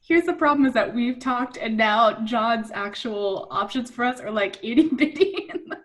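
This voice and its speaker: A woman's voice: a little high, moderate pace. A woman in casual chat on a video call, joking and rambling, laughing often. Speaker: robot team member.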